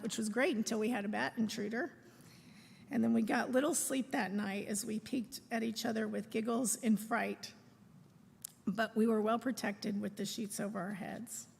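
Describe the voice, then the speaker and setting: A middle-aged woman reads a prepared eulogy aloud in a measured, phrase-by-phrase way, speaking in a large room. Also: a little high, creaky, a little mellow. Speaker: daughter giving a eulogy. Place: large room at a memorial service. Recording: echoey hall with long reverb.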